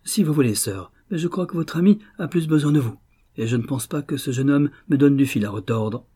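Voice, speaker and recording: A man's voice: on the high side, lively intonation, fairly quick, dark tone, husky, voice pushed up. A man reading aloud, voicing a terse policeman who speaks with contempt, in a raised voice. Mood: scornful. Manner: terse, scornful.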